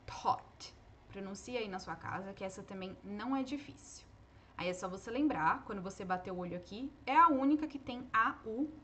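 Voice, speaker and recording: A woman's voice: medium pitch, fairly bright tone, a little hiss or hum. Patient woman teaching pronunciation live. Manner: patient, explains slowly and models words aloud. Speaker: English teacher. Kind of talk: live online pronunciation lesson.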